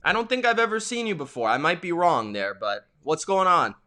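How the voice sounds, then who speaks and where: A young man hosting a live play-by-play reaction stream, chatty and excitable, greeting viewers by name as he calls the plays. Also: a little high, a little fast.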